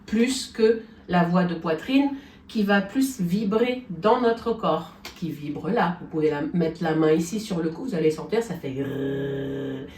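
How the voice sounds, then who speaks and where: A woman's voice: lowish voice, unhurried, a little mellow, slight background noise. A woman vocal coach gives a singing lesson, explaining things step by step and often checking in with her students. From France. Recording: echoey room, from a distance.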